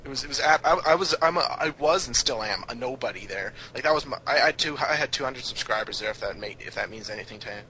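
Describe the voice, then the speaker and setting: A young man guesting on a casual voice-call podcast, talking in quick bursts with stumbling restarts. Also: mid-range voice, slight background noise. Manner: excitable, stumbling restarts and apologies. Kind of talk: casual chat over a voice call. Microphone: video call.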